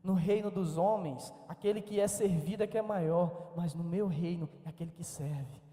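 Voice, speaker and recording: A Brazilian man voicing Jesus in a low, hushed, commanding tone while retelling a Bible story in a sermon. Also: moderate pace, lightly acted. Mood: teaching. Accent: Brazilian Portuguese. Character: calm authoritative adult male Jesus. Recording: echoey church hall.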